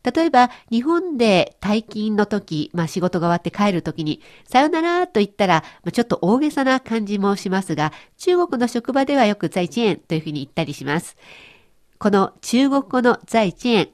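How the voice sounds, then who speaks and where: Lively, cheerful woman teaching a language. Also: mid-range voice, moderate pace. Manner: cheerful explaining, lively intonation. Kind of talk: radio language lesson.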